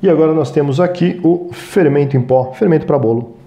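Brisk and fairly high-pitched, this man's voice carries vocal fry and a dark tone. He's in his thirties, hosting a casual cooking show in a small indoor home-style studio kitchen, where he stays friendly and chatty and often checks in with viewers, asking "tá, gente?" over and over.

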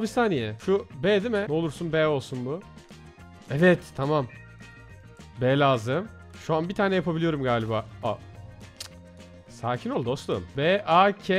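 A man commentating his own Minecraft gameplay, excitable, muttering one moment and yelling the next. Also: high-pitched. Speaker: gaming YouTuber. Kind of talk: Minecraft let's play commentary.

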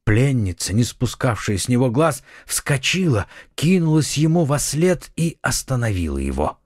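A man narrating an adventure novel audiobook with an expressive, dramatic reading. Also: medium pitch, normal speed, no room sound, studio quality. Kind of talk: scripted narration.

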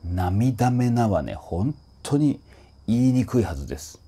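A man's voice: on the low side, moderate pace, breathy edge. A man working as a voice trainer, explaining a song in a casual lesson and singing short phrases to show how they go. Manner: animated, sings short phrases to demonstrate. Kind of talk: casual music lesson commentary.

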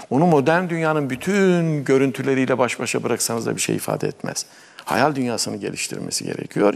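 A man with a gravelly voice spins a childhood fairy tale for a talk show host at a middle pitch. He tells it animatedly and slips into the voices he quotes. A long reverb trails his words. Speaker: guest storyteller.

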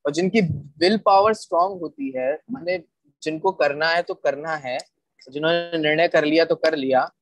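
Male religious teacher, patient explainer who repeats key points and checks that listeners follow, slightly higher voice. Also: moderate pace, dry recording. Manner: rhetorical questions to listeners, checks they follow. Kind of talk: explanatory scripture lecture.

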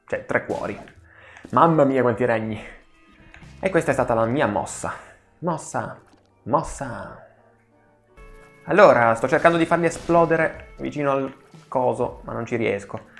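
A man hosting a gaming channel, giving excitable let's play commentary, swearing and pleading with the enemies on screen. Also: medium pitch, fairly quick, vocal fry, faint music behind.

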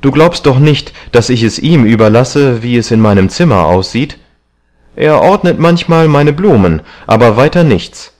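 A man's voice: lowish voice, expressive, a little slow, dark tone. A man reading an audiobook, voicing a vain, agitated young man who talks in a heated, raised voice.

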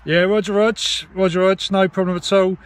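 A man with a high-sitting, level voice talks a little fast and casually while he demonstrates and chats on CB radio. He's a vlogger and CB radio hobbyist sitting inside a parked car, and the clear recording carries background noise, radio hiss, and CB static and chatter.

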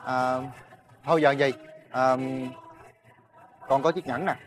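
A young actor with a Southern Vietnamese accent, playing a smooth-talking swindler who coaxes and chuckles his way into a deal. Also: medium pitch, steady tone, takes it slowly, natural voice. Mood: wheedling. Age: young adult. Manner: persuasive, coaxing, chuckling often. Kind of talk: TV drama acting.

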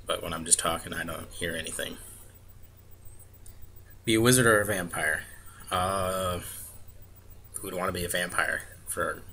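An American vlogger in his twenties with a low but bright voice answers a questionnaire, chatting casually and reading a word list and a book passage. He's in a small room at home, recorded on a webcam or laptop mic at arm's length, with a slight hiss or hum.

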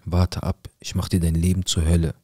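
A man voicing his unstable mother in a cold, threatening, low-key way while telling a true story. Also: little pitch movement, fairly quick, a little mellow, breathy edge, no echo, studio quality. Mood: menacing. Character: menacing unstable mother, woman, middle-aged.

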